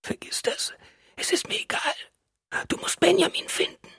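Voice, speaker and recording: A man reading an audiobook aloud, voicing a weak, terrified woman in a hospital bed in a faint, breathy whisper. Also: moderate pace, sharp tone, dry recording, studio quality, lightly acted. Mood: desperate whisper.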